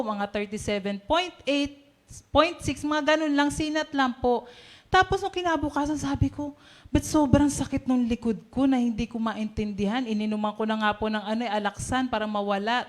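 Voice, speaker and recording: A woman shares her testimony at a prayer meeting, her voice sitting a little high. She talks cheerfully, laughs often and acts out little quoted scenes. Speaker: church member giving testimony.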